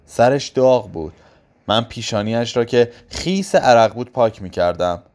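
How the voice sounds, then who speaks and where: A man narrating a literary audiobook in a slow, subdued voice. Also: mid-range voice, expressive, a little mellow. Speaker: audiobook reader.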